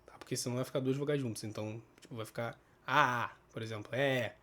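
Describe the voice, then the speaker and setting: A Brazilian man teaching a casual Portuguese spelling lesson, explaining step by step, thinking aloud and often checking in with quick tag questions. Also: medium pitch, steady tone, a bit bright. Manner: thinks aloud with restarts and self-corrections. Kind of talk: casual spoken grammar lesson.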